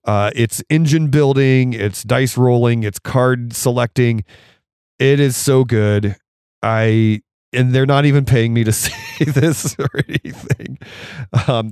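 A man hosting a board game podcast, hoarse and raspy from a cold, talking casually and with a lot of enthusiasm. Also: mid-range voice, darkish tone, dry recording, clean studio sound. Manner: enthusiastic, laughs often. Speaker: podcast host reviewing board games.

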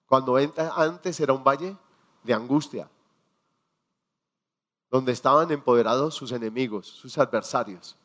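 A man preaching a sermon, quizzing his congregation and acting out quiet prayers and dialogue. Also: medium pitch, unhurried, pauses often. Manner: asks the congregation questions and answers them; acts out prayers and dialogue in a hushed voice.

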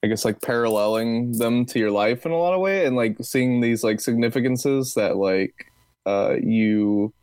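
A man in his twenties from Texas talks casually on a podcast, wandering through his thoughts with lots of fillers and restarts. His voice sits at an ordinary pitch for a man. The recording is dry and close, with no room sound. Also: normal speed, a little mellow, clear, resonant tone, no room sound. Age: 20s. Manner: rambling, many fillers and restarts. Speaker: podcast guest.

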